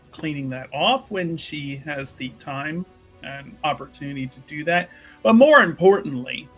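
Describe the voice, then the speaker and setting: A man narrates his character's actions in a tabletop roleplaying game, casually improvising halting, wordy sentences that often restart. His voice is a little high and a bit bright.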